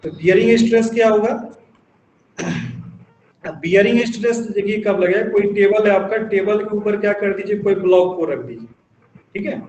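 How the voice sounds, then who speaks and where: High-voiced man teaching in an echoey classroom. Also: darkish tone, highs cut off, a little hiss or hum. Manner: asks the class questions and answers them himself; dictates definitions slowly in English. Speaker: engineering teacher. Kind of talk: classroom lecture. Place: classroom with students. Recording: echoey classroom recording with faint ambience.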